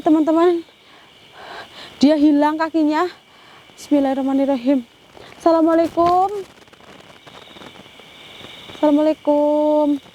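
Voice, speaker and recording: High-voiced woman on a hushed ghost hunt. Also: slight background noise. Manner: hushed and pitying, with frequent Islamic exclamations. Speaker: ghost-hunting vlogger. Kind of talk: ghost-hunting vlog, talking to an unseen spirit.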